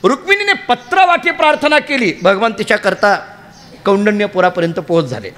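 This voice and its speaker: Male kirtan preacher, high voice, long hall reverb, chatty storytelling, asks the crowd questions. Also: very animated, brisk, a bit bright. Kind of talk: sermon storytelling.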